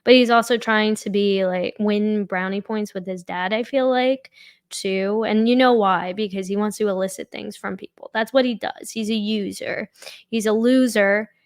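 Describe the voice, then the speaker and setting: A woman's voice: medium pitch, fairly even intonation, moderate pace, no echo, studio quality. A woman giving casual, opinionated true crime commentary in a blunt, emphatic way.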